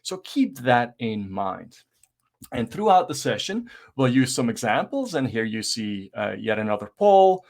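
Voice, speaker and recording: A man's voice: mid-range voice, very animated, measured pace, a little mellow. A man from Belgium with a Flemish accent, giving an enthusiastic online conference presentation with plenty of filler words over a video call. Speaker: conference speaker. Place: presenting remotely from home city.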